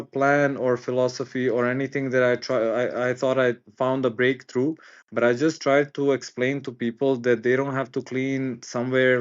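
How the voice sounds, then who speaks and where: Hesitant man, dull audio. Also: medium pitch. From Serbia. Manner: hesitant, many fillers and restarts. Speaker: guest. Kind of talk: casual interview conversation.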